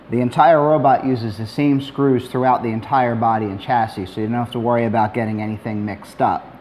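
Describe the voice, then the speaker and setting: A middle-aged man narrating a hands-on tutorial in a relaxed, plainspoken way, with dry asides. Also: mid-range voice, a little hiss or hum. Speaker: maker demonstrating a robot build.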